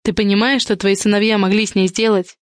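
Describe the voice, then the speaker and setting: A woman voicing a shrewd, sharp-tongued female friend who probes and insinuates, in an audiobook. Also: mid-range voice, flat delivery, brisk, no room sound, clean studio sound, natural voice. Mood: probing. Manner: probing, insinuating. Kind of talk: audiobook character reading.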